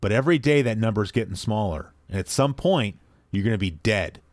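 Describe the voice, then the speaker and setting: A man whose voice sits on the low side talks fairly quickly while co-hosting a podcast, reading listener emails and rambling a bit in a relaxed, casual way. The recording is clean studio sound with no room sound.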